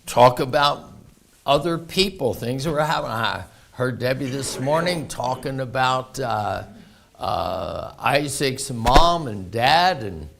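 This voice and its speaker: A man's voice: medium pitch, animated, takes it slowly, gravelly, fairly bright tone. A man preaching a folksy sermon full of anecdotes. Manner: folksy, anecdotal, laughs often. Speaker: pastor.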